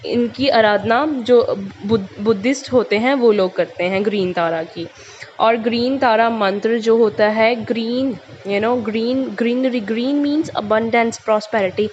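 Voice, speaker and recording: A young woman speaks in a relaxed, chatty way to the viewers of her channel. Her voice sits a little high and she drops casual English fillers into her talk. The recording is muffled and lo-fi, with a faint hiss underneath. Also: a little slow. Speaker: tarot channel host.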